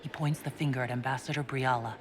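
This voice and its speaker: A man's voice: medium pitch, steady tone, fast talker, slight background noise, lightly acted. A man voicing a male leader in a video game, asking plain, direct questions. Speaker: player character leader. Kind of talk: video game cutscene dialogue. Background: orchestral music.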